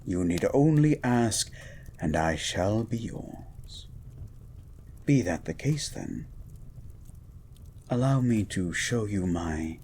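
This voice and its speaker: A man playing a gentle, erudite beast of a scientist in a romantic audio roleplay, speaking in eloquent, formal, flirtatious phrases and lingering over his words. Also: fairly low pitch, lively intonation, slow pace, pauses often, a little hiss or hum. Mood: devoted.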